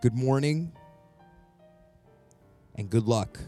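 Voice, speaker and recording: A man's voice: mid-range voice, takes it slowly, dark tone. A man hosting a comedy show, reacting with flustered disbelief. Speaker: podcast host. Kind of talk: comedic sketch. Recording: music playing behind.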